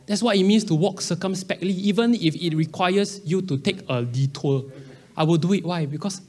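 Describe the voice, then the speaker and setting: A preacher in his early thirties with a Singaporean accent delivers a conversational sermon in colloquial Singlish, packed with local particles and slang. His voice is high-pitched and darkish in tone, and he speaks at a normal speed.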